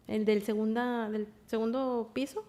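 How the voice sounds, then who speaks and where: A woman, a podcast guest telling a story casually, often trailing off quietly. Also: a little high, steady tone, a little slow.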